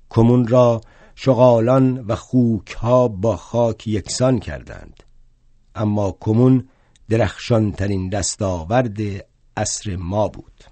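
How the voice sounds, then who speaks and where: An older man playing a proud, indignant aging male revolutionary thinker in a one-man stage play, telling his story wryly and flaring into indignant shouts. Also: lowish voice, dry recording, close to an everyday voice.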